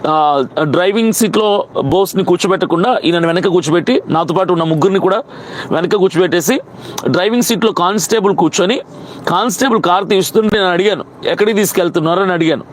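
A man, a pastor, recounts his arrest in a rapid, heated stream, acting out the voices of both sides. His voice sits high and races along. Faint traffic noise hums behind him.

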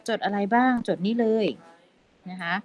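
A woman's voice: mid-range voice, moderate pace, a little mellow, low-quality recording. A woman teacher recording a pinyin lesson for children, patiently repeating each sound twice and calling her pupils "child". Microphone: self-recorded lesson.

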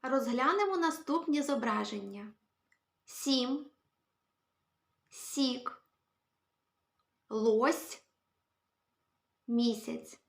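A woman teacher greeting young children and sounding out words one by one in a phonics lesson, cheerful and slow. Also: on the high side, a bit bright. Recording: roomy echo.

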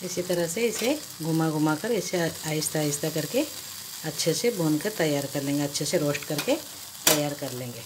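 A woman vlogger in her home kitchen giving a slow, patient step-by-step cooking explanation, pausing often as she works. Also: sits low, expressive. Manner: slow, patient explaining with many pauses and restarts. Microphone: camera above the hands, speaker off-screen. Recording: home kitchen with audible stove noise. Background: sizzling and frying sounds.

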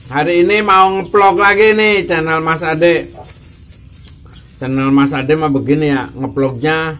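A man's voice: on the high side, fairly even intonation, unhurried, a bit bright. A man vlogging casually with tips for beginner YouTubers, joking and repeating his phrases as he addresses viewers. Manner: jokey, repeats phrases, greets viewers as bro, guys, ma'am, sir. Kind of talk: casual chatty vlog.

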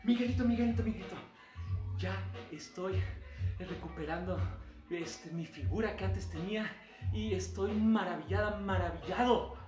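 A man voicing an excited female student who gushes about her progress and keeps calling his nickname. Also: sits high, moderate pace, close to an everyday voice. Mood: gushing. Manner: gushing, repeating the teacher's nickname. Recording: echoey room, voice far from mic, faint music.

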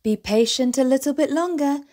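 A woman voicing a patient, cheerful father bear in a storybook, calm and reassuring. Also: high-pitched, normal speed, pitched above the performer's own voice, close to an everyday voice.

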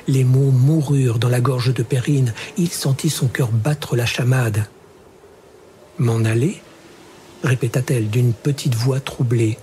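A man reads a fantasy story aloud as an audiobook narrator, calm and unhurried. His voice sits in an ordinary middle pitch. A faint hiss lies under the recording. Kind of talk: scripted narration.

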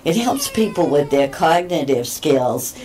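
A woman guest on a talk show telling rambling, animated stories about her visits. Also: low-pitched, unhurried, low-quality recording. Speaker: guest, cat therapy visitor. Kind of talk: casual interview chat.

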